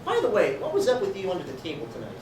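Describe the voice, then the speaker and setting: A man's voice: sits high, wildly swooping pitch, very fast. An actor playing a nervous, stammering young boyfriend eager to impress his partner's parents. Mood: puzzled. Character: awkward young vegan boyfriend meeting the parents. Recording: roomy sound from a distant mic, background noise.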